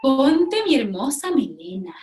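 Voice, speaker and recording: A boastful storybook lion who drawls each word in a slow, sing-song lilt, as a woman plays him. The pitch rises high and lively, with a roomy echo. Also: a little hiss or hum, exaggerated voice. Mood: showy. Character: proud boastful male lion.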